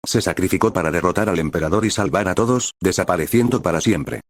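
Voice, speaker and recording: A man narrating a scripted reaction story in a flat, even reading voice. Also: sits low, fast. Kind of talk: scripted narration reading stage directions aloud.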